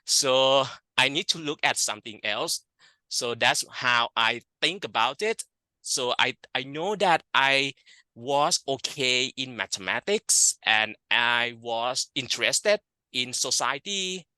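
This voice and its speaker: A man from Thailand with a Thai accent, an economics professor answering interview questions in an unhurried way with many fillers. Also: mid-range voice, expressive, pushed and bright, smooth, no echo.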